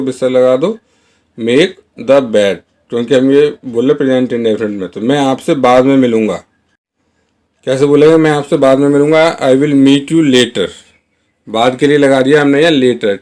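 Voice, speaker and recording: A man teaching spoken English, explaining in Hindi and repeating each English phrase very slowly and deliberately. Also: medium pitch, darkish tone.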